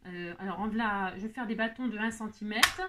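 A crafting channel host leads a scrapbooking tutorial in a brisk, mid-range voice over a very noisy recording. She banters playfully with viewers and rambles to herself as she works, using frequent filler words.

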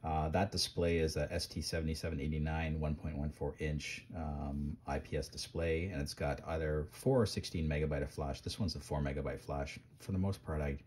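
Very deep-voiced man demoing gadgets. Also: fairly even intonation, a little fast, hardly any pauses, a little mellow. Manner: rambling, many ums and restarts. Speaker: maker reviewing microcontrollers. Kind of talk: casual hands-on tech demo. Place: workbench.

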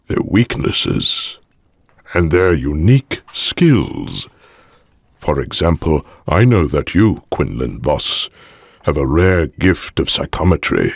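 A man playing an evil elderly aristocratic count, measured, formal and silkily menacing, in a fan audio drama. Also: rumbling low, no room sound, studio quality, exaggerated voice. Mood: smug, commanding. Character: evil elderly aristocratic Sith count, calmly manipulative villain.

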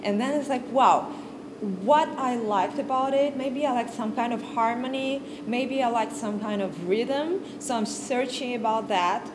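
A young woman from Kazakhstan giving an informal music talk to a class, in unhurried English, searching for words and restarting often. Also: fairly high pitch. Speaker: guest music lecturer. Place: large stage with piano. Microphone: far camera, no handheld mic. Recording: audible background noise on stage.

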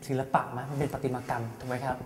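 A man hosting an interview talks quickly and eagerly, leading his guest and rounding off his answers. The echoing, long-reverberating temple hall rings around his voice. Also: medium pitch, level tone, a crowd in the background. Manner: chatty, prompting and finishing answers. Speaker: host. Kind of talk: casual interview questions. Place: inside a large temple hall.

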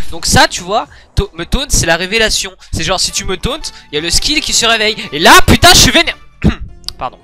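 A man's voice: high-pitched, pushed and bright. A young man giving casual let's-play commentary, joking and trash-talking the game with crude humor. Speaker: gaming YouTuber.

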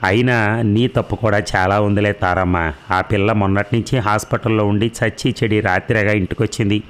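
Storybook role: a blunt village neighbour woman who scolds, read by a man in a low, smooth voice. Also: lightly acted. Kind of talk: storybook narration.

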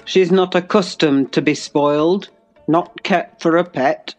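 A woman voicing a surly, gruff man who is master of a lonely farmhouse, speaking in curt, growling lines. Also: sits low, fairly even intonation, brisk, darkish tone, faint music behind.

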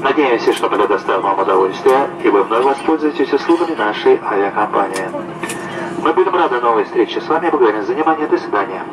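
A man reading a formal, scripted cabin announcement over the plane's loudspeaker. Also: mid-range voice, animated, fast talker. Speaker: flight crew member. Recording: distant loudspeaker in a noisy cabin.

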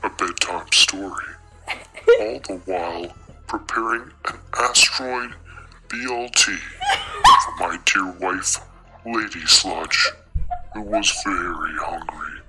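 A man voicing a boastful, pompous male alien looking for work, through a robotic, heavily bass-boosted voice effect. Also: slow pace, pushed and bright, faint music behind, heavily acted, low-quality recording. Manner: grandiose, self-important boasting.

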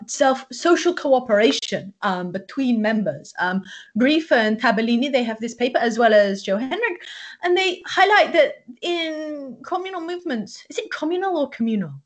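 A woman hosting an academic interview, asking probing, long questions and often restarting her words. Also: on the high side. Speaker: host, interviewer.

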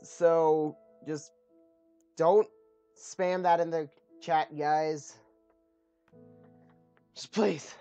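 A man's voice: fairly high pitch, steady tone, extremely slow, long pauses, warm tone, clear, resonant tone, dry recording, dull audio. Chatty man narrating his gameplay. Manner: rambling, chatty with frequent ums. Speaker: let's play host. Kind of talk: casual gameplay commentary. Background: faint game music.

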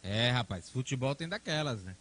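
A man's voice: medium pitch, expressive, moderate pace, fairly bright tone. A man calling a football match live in a chatty, colloquial way. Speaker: football play-by-play commentator.

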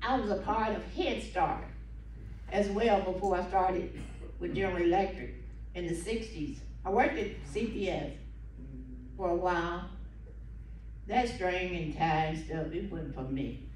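A woman's voice: fairly low pitch, a little mellow. Breathless older Southern woman, echoey distant room. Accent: Southern American. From southern United States. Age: 70s or older. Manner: folksy, unhurried, with pauses and acted-out quotes. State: short of breath. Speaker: guest speaker at a local history talk. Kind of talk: informal reminiscing storytelling to an audience. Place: meeting room with seated audience, phone camera from the audience. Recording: echoey, noisy room recorded from afar.

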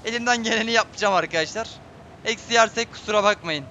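Quick-paced and high-voiced, this young man streams his gameplay live, muttering strategy before erupting in frustration. He talks to viewers nonstop in an excitable way. The audio is dull, with slight background noise.

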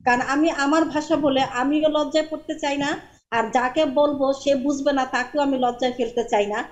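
Woman from Barishal on a video call, very high voice, chatty storyteller. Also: steady tone, a little fast. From Barishal, Bangladesh. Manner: chatty storyteller, repeats herself. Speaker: call-in guest. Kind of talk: casual chat on a video call.

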